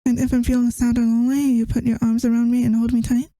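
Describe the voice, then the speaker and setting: A woman's voice: on the high side, level tone, fast talker, no room sound, lightly acted. A woman playing a tired, affectionate girlfriend who misses her partner, in a tender, intimate ASMR role-play. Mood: tender, longing. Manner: tender, intimate, soft-spoken.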